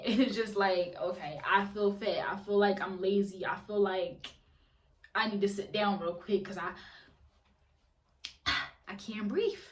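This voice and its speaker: Recorded from a distance in a room with roomy echo, a woman vlogger with a medium-pitched voice gives casual advice. She's chatty and repeats phrases for emphasis.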